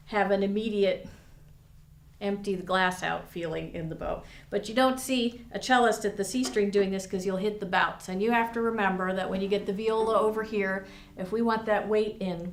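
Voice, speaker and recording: A woman's voice: medium pitch, steady tone, normal speed, slight background noise. Woman teaching viola in echoey studio. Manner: encouraging, explains with imagery. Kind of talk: instructional lesson with demonstration. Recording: echoey room.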